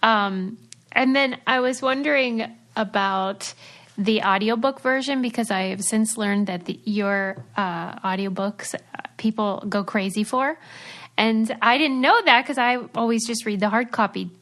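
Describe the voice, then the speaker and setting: A woman's voice: a little high, measured pace, fairly bright tone. Enthusiastic woman podcast host. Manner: enthusiastic, curious questioner. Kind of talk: casual interview chat.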